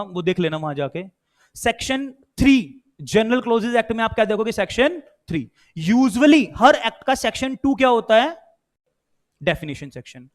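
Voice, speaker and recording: A man with an Indian accent teaching a law class, quizzing students and mixing Hindi with English. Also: very high-pitched. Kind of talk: online class lecture.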